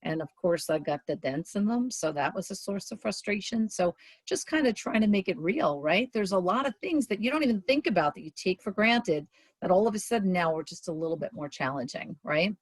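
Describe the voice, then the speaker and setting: A woman giving a conversational presentation to a community meeting over a video call, often checking in with "right?" and filling pauses with "um". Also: mid-range voice, expressive, no room sound. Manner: chatty, tags points with "right?" and fills with "um".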